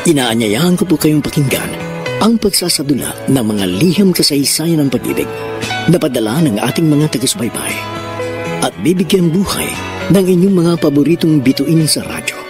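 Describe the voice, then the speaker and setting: A radio drama host giving a formal, scripted introduction in a dramatic, measured manner. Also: medium pitch, animated, over music.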